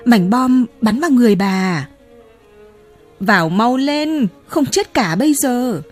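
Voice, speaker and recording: A woman's voice: a little high, animated, slow pace, darkish tone, faint music behind, voice pushed up. A woman voicing a frightened, clinging older woman. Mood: frightened pleading. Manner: urgent, breathless pleading.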